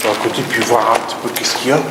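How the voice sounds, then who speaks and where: A man speaks in an informal way while filming his exploration of an abandoned place. His average-pitched voice rings with long empty-hall reverb, and there is clear noise around him. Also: steady tone, rapid-fire. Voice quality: voice echoing in a big empty hall. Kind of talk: casual exploration chat. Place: large empty abandoned building, indoors. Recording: reverberant empty building, noisy.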